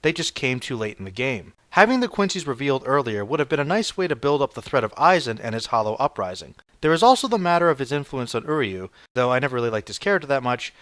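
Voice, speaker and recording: Lively man reading an analysis. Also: mid-range voice, dry recording. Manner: measured, analytical delivery. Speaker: reviewer. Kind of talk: scripted video essay narration.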